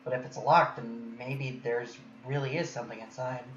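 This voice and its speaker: A man's voice: mid-range voice, steady tone, normal speed, faint music behind. A man reading the main character's lines and narration aloud during a casual group game session, laughing between lines. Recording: echoey, muffled audio with faint noise.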